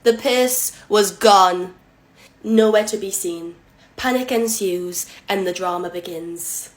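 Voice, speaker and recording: A woman works through a storytime rant about her job at the till. Her delivery is sarcastic and animated. She jumps from loud outbursts to hushed asides, with her voice sitting at a medium height. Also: slow. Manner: animated, sarcastic, swings between loud bursts and low asides. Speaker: shop cashier. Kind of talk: storytime monologue.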